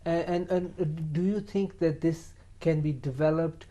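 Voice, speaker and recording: Guy hosting a youth tv show, kinda high but mellow voice, lots of uhs. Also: normal speed. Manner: hesitant, many fillers and restarts. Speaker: TV show host. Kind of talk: studio talk show hosting.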